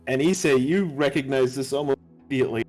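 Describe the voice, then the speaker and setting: A man's voice: medium pitch, fast. A man acting as game master, narrating a tabletop role-playing game. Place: online voice call. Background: background music.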